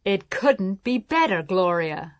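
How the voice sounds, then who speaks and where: A woman voicing a relaxed male film actor enjoying a quiet picnic, in a lesson story read aloud. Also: medium pitch, takes it slowly, dry recording. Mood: pleased.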